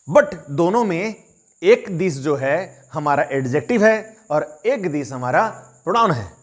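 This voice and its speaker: Male teacher with a high voice, explaining step by step and voicing students' questions. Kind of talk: classroom-style grammar lesson.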